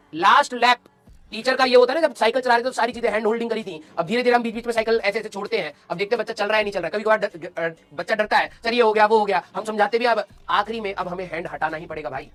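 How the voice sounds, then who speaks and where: Fast-talking motivational male teacher. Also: high-pitched, fairly bright tone. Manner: blunt, scolding yet encouraging, asks "clear?". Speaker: coaching teacher. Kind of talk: motivational class talk.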